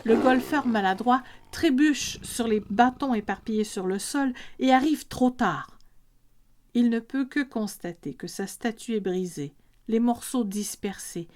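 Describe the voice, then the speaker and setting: A woman's voice: a little high, animated, measured pace, a little mellow. A woman reading a scripted story as a podcast narrator.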